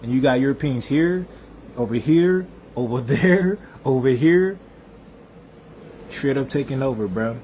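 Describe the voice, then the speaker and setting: A laid-back man talks viewers through a chart in loose, slangy chat at an everyday pitch. Faint background hiss sits under his voice. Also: animated, a little slow, pauses often, a little mellow. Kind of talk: casual talk over a chart.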